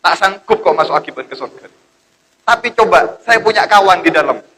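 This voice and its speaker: A man's voice: sits high, lively intonation, fairly quick, pushed and bright, breathy edge, full character voice, poor audio. Man doing a sly plotting peacock. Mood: scheming.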